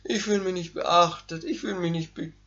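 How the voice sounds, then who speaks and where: Whiny complaining ego voice, a man putting it on, whimpering, lower and softer, muffled recording. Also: steady tone, fairly quick. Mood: whining. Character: whiny self-pitying old ego, a man. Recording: dull lo-fi recording.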